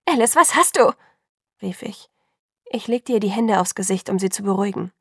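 A woman narrates a first-person story in an even, measured audiobook delivery. Her voice sits at a middle pitch and comes across dry and close, with no room sound. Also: no room sound.

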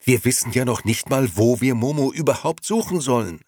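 A man's voice: medium pitch, animated, brisk, darkish tone, slightly rough, no echo, studio quality, voice pushed up. A man voicing a young male storyteller who answers evasively and pleads in a frightened, hasty way in a storybook reading. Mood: anxious.

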